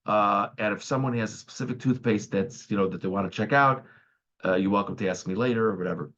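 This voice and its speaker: Warm, questioning rabbi with a low voice. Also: male voice, fast, highs cut off. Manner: hesitant and rambling, often repeating and restarting phrases; questioning, posing each question aloud before answering it. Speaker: rabbi answering listeners' questions. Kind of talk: informal online religious Q&A class. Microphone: online video call.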